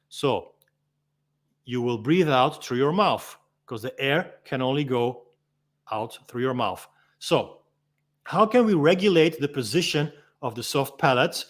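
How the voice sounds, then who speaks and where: A man teaching as a freediving instructor, patiently explaining step by step and demonstrating the sounds himself. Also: mid-range voice. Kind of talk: instructional walk-through.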